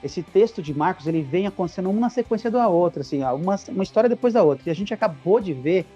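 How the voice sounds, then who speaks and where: A man's voice: high-pitched, expressive, fast, warm tone, husky, soft background music. A Brazilian man co-hosting a church podcast, retelling Bible scenes vividly in casual conversation. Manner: vivid storytelling, says "imagina a cena". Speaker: Bible study podcast co-host. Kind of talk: casual Bible teaching chat. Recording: dull lo-fi sound.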